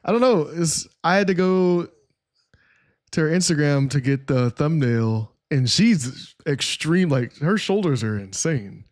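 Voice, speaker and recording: Streamer guy reacting, rambly and casual, kinda high pitched. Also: expressive, a little slow. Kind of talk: reaction commentary.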